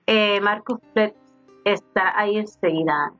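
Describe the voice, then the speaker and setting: A woman's voice: medium pitch, measured pace, fairly bright tone. A woman giving casual let's-play commentary, chatting to her game characters as she plays. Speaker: gaming YouTuber. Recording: slightly dull home recording with faint game music. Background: faint game music.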